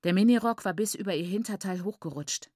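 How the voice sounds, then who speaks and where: A woman's voice: medium pitch, quick pace, darkish tone, no room sound. Woman narrating an audiobook, dry. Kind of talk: scripted narration.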